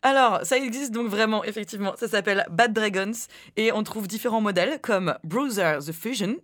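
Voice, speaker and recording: A woman's voice: mid-range voice, fairly quick, dry recording, studio quality. A woman co-hosting a casual radio show, reading a cheeky quiz in a playful, teasing way. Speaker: co-host.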